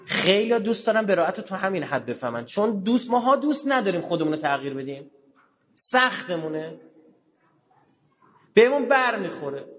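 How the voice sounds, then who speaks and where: A man giving a religious lecture in a colloquial way, telling stories and acting out the dialogue, with sudden low, quiet asides. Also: big pitch swings, long pauses. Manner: colloquial, acts out dialogue in quotes.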